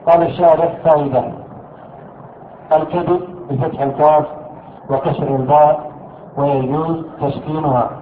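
A man teaching an Arabic grammar lesson. He asks his students questions, answers them himself and repeats key words slowly. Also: fairly high pitch, slight background noise. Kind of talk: classroom lesson explaining a text. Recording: echoey room over a thin phone-like line.

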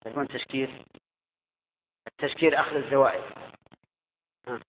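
A man's voice: mid-range voice, fairly even intonation, a little fast. Male teacher in an echoey hall. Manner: quizzes students, repeats answers. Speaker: Arabic grammar teacher. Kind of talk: classroom grammar lesson. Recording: tinny echoey hall recording.

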